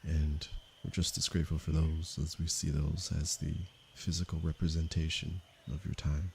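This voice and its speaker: A man from Canada, a meditation teacher, speaking softly and unhurriedly to viewers of his livestream. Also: rumbling low, flat delivery, gravelly, a little hiss or hum. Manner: slow, soft-spoken and unhurried, with pauses. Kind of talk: calm livestream talk to viewers.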